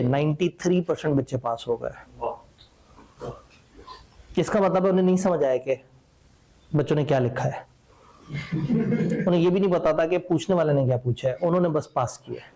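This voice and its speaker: A man's voice: fairly high pitch, a little mellow. A man lecturing accountancy students in a conversational, wry and opinionated way. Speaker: teacher.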